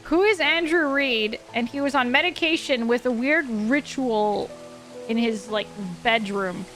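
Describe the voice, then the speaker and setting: A woman horror game streamer giving chatty, expressive, informal live commentary. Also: a little high, measured pace, soft background music, rough recording.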